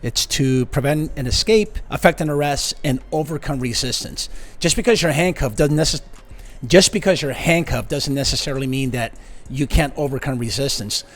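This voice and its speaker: A man's voice: mid-range voice, moderate pace. A man in his fifties, a retired police sergeant, giving blunt, conversational commentary on a video.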